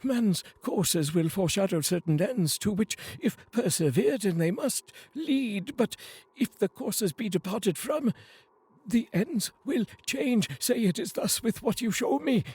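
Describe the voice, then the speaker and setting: A man voicing Scrooge as a terrified old miser, pleading desperately in an audiobook reading, with a husky voice. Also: high-pitched, animated, unhurried, darkish tone, dry recording, pitched above the performer's own voice, full character voice. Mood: urgent questioning.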